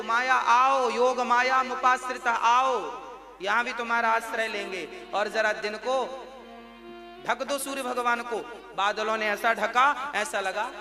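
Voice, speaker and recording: High-voiced man telling a devotional tale. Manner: animated storytelling, acting out dialogue. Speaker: religious storyteller. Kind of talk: devotional story sermon.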